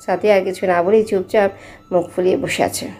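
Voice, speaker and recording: Warm-toned woman narrating a story. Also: medium pitch, fairly even intonation, a little fast, faint music behind.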